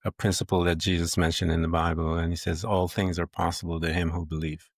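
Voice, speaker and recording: A very deep, gravelly man hosts an interview podcast in a measured, reflective manner. His phrasing is slightly formal. The sound is close and dry. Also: little pitch movement, no room sound. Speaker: podcast host. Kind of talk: interview conversation.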